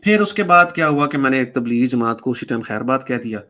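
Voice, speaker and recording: A man speaking as a guest, casually recounting his own story and re-enacting the conversations in it. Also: mid-range voice. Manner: animated, re-enacts dialogue while recounting events. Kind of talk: casual spoken storytelling in a debate stream.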